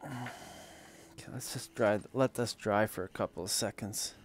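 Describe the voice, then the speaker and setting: Working on scale models during a hobby livestream, this host chats loosely, laughs frequently, and responds to comments from chat. He speaks in a lowish voice at a measured pace, with slight background noise.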